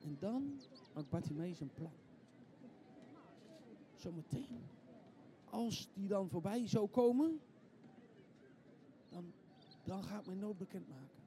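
A man's voice: sits high, lively intonation, slow, long pauses, dark tone, a little hiss or hum. A man preaching in a storytelling sermon, vivid and building in intensity, repeating words as he restarts.

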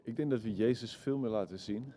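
A man preaching a sermon, telling a story in a calm, measured way. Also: medium pitch, a little hiss or hum.

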